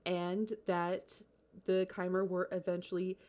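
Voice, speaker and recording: A woman's voice: on the low side, monotone, a little slow, darkish tone. A woman hosting a casual podcast chat, playful and teasing. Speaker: podcast host.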